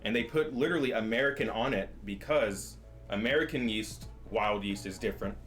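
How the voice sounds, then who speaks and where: A man's voice: on the low side, a little fast, fairly bright tone, faint music behind. A young man who works as a brewer, casually explaining beer styles with jokes. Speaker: brewer leading a beer tasting. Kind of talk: casual chat.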